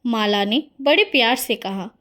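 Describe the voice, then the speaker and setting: A woman narrating a cartoon story in a friendly storyteller's manner. She takes her time, and her voice sits fairly high. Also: animated, measured pace, fairly bright tone.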